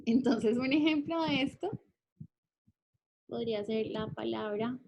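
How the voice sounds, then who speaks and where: Into her computer microphone, a female English teacher leads a recorded online class, her high voice a little slow, darkish, and touched with vocal fry. She's patient in her explanations and often checks whether students are following.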